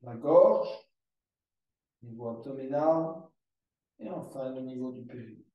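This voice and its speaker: Slow, echoey man guiding yoga. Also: mid-range voice, expressive, muffled recording. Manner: slow, drawn-out breathing cues. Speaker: yoga teacher. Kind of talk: guided yoga class instruction. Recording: very echoey room, voice from far off the mic.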